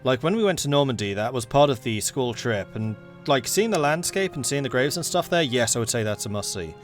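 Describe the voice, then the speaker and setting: A young Englishman streams a game in a brisk, mid-range voice, chatting casually with viewers as faint music plays behind him. He's relaxed and rambling, reading game events aloud as they happen.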